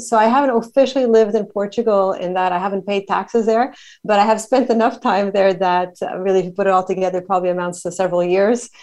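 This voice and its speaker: A woman from Montreal, Canada, appears as a guest on an interview podcast, talking enthusiastically in a casual conversation. Her mid-range, darkish voice rattles off places and ideas quickly, with plenty of fillers.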